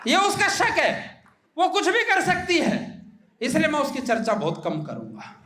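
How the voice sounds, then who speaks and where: Haryanvi man doing stand-up comedy, echoey auditorium, high voice, sharp punchlines. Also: wildly swooping pitch, normal speed, noisy background. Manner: punchy, shouts punchlines, keeps addressing the audience. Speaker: comedy poet. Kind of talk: stand-up comedy for a live audience. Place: auditorium stage. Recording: echoey hall.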